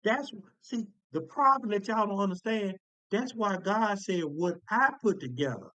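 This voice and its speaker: A man delivers a sermon in a high, ringing voice. He talks in a folksy, emphatic way, repeating phrases and stretching out key words for weight. The sound is dry and close. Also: expressive, normal speed, bright, forceful tone, no room sound, rough recording. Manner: folksy, emphatic preaching with repetitions. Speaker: preacher.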